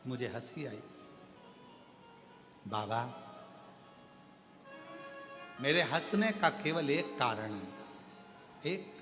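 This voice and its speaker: A man voicing a humble male demon king who speaks softly and pleads with a god, in a sermon story. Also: expressive, drawn-out words, pauses often. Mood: pleading. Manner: soft, low, imploring. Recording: reverberant hall with faint music.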